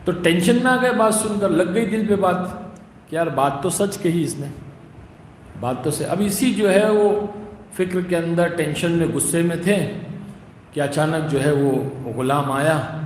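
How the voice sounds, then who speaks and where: A male preacher tells a parable to a gathered audience. He speaks in an animated way and often calls out to his listeners. His fairly high voice rings through a roomy hall with a long echo. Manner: animated, addresses the audience directly. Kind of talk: sermon storytelling. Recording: echoey hall, faint background noise.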